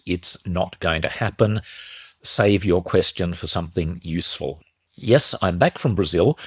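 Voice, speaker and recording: A low-voiced man hosts a solo podcast with measured, articulate commentary. A head cold leaves him sounding stuffed up and a little muffled, with a husky edge. The recording is dry and close. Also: no echo. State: muffled and congested from a slight cold. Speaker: podcast host.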